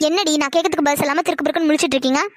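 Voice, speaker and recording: A woman voicing a mother and her daughters in a cartoon, in rapid, scolding family arguments. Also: high voice, steady tone, no room sound, studio quality. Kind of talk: cartoon dialogue.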